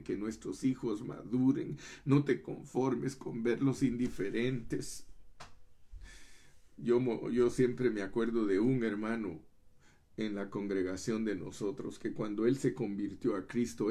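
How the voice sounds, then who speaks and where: Male pastor, mid-pitched voice, impassioned sermon delivery with loud and soft swings. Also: gravelly. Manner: fervent preaching, often addressing listeners as brother; swings between loud emphatic runs and soft hushed asides.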